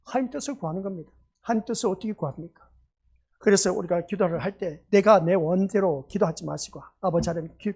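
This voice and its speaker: A woman's voice: medium pitch, vocal fry, breathy edge. A woman pastor preaching a sermon in a small church, asking rhetorical questions and acting out quotes.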